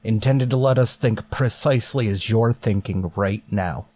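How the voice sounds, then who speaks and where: A man's voice: lowish voice, dark tone, no room sound, close to an everyday voice. Stern, wary male starship captain played by an actor. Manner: measured, authoritative, curt orders. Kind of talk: golden age sci-fi radio drama acting.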